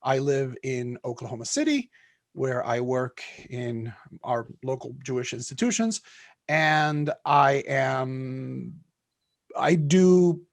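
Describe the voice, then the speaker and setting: A man from Colombia, a rabbi and podcast co-host, introducing himself in a measured way with small pauses. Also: mid-range voice. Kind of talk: casual podcast self-introduction.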